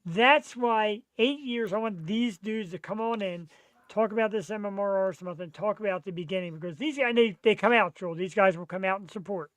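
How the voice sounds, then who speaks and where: A man, chatting casually as a podcast host in an excitable, slangy, rambling way. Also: high-pitched, a little fast, no room sound, rough recording. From Philadelphia, USA. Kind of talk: casual live podcast chat.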